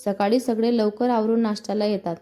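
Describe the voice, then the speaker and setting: A woman with a Marathi accent reading a scripted story aloud, voicing all the characters' lines in her own even narrating voice. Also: medium pitch, brisk. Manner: reads all parts in one even narrating voice.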